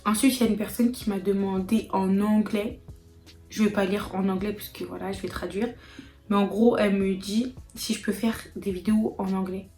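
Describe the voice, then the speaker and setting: A young woman with a French accent answering viewer questions in a casual vlog, emphatic and animated, repeating words for emphasis. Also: medium pitch, moderate pace, reverberant, faint music behind. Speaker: vlogger.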